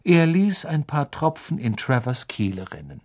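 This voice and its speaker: Husky guy reading a storybook aloud, lots of pitch swing. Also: normal speed. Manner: expressive storytelling. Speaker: audiobook reader. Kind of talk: scripted narration.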